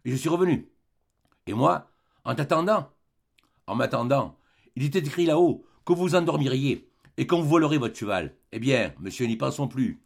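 A man's voice: medium pitch, lively intonation, normal speed, creaky. A man reading a classic novel aloud as an audiobook, giving the characters different voices. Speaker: audiobook reader.

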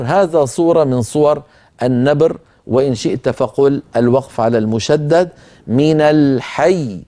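Mellow-voiced male recitation teacher. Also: medium pitch. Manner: calm, explanatory, slows down to demonstrate pronunciation. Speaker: Quran recitation teacher and program host. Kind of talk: televised recitation lesson.

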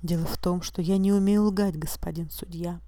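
A woman reading the part of a meek, tearful accused man who pleads slowly and sometimes drops to a whisper. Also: on the low side, steady tone, no room sound, studio quality, natural voice. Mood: sobbing pleading. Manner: tearful, pleading and quietly insistent, slipping into a hushed whisper. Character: weepy, meek male mechanic accused of a crime.

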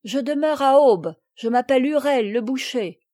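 Lady doing a friendly butcher guy from a storybook, hearty and folksy, kinda high voice. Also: moderate pace, dark tone, dry recording, studio quality, close to an everyday voice. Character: good-natured country butcher, grown man.

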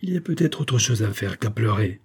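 A man's voice: on the low side, expressive, a little fast, heavily acted. A man voicing an irritable middle-aged neurologist who grumbles and snaps in a storybook reading. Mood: gruff, exasperated. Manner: gruff, grumbling, exasperated.

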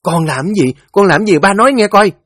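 A man voicing a sharp-tongued young daughter-in-law, shrill and accusing. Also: lively intonation, fast, husky, no room sound, clean studio sound. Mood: defiant.

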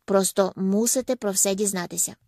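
A man's voice: sits high, fairly even intonation, a little fast, gravelly, darkish tone, no echo. Impatient man in charge, brusque and demanding, as a woman reader puts him on; dry, close sound. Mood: insistent. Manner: brusque and insistent.

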